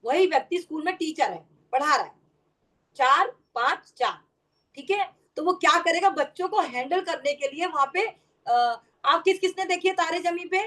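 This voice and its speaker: A woman's voice: high voice, animated, normal speed, pushed and bright. A woman teaching a numerology class over a video call, explaining at length and often checking that her students follow. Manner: explanatory, keeps checking understanding with questions. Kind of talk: online class lecture.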